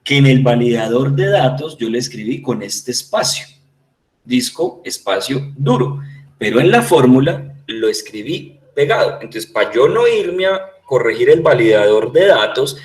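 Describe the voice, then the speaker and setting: A man's voice: medium pitch, very animated, normal speed, echoey room, rough recording. A man with a Colombian Spanish accent teaching a class online, patiently repeating points and checking that his students understand.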